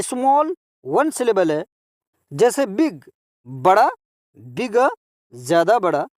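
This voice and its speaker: A male English teacher working through a grammar lesson for children, drawing words out at an unhurried pace. His voice swings widely up and down as he repeats each word form one by one. The sound is close and dry, with no room around it. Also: sits high, a little mellow, no room sound. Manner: explains and translates for children.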